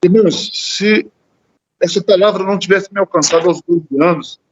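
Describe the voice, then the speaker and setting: A man's voice: sits high, steady tone, moderate pace, highs cut off, background noise. A man with a Brazilian Portuguese accent giving an earnest Bible study talk in a church, often repeating words as he searches for them. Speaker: lay preacher.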